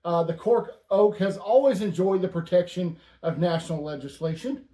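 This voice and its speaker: A man with a fairly high voice hosts a laid-back stamp-collecting show at normal speed. He delivers both facts and jokes in a dry, deadpan manner. The room around him has a noticeable echo.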